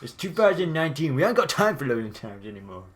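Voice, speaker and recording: A man's voice: on the high side, big pitch swings, fast talker. A young man hosting casual gameplay commentary, joking and laughing often as he plays. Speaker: gaming channel host.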